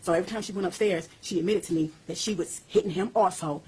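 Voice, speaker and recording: Being interviewed on poor audio with slight background noise, a woman speaks fast in a fairly low, mellow voice. She comes across intense and blunt with profanity, her voice climbing as she recounts what happened.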